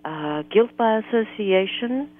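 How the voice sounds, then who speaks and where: A woman from South Africa, a guest author speaking in an articulate, measured way during a political talk radio interview. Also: medium pitch, expressive. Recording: tinny phone line.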